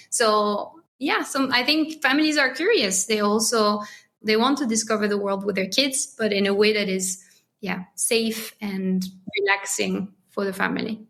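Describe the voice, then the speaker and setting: Woman, French accent, bright clear tone, guest on a podcast, thoughtful, restarts phrases. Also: medium pitch. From France. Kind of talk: casual interview talk.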